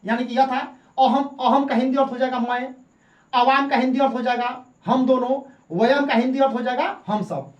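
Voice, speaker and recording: A woman teacher gives a lesson, repeating each point and asking questions that she answers herself. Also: high voice. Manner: repeats points and asks rhetorical questions, then answers them. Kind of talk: classroom-style lesson. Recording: echoey room.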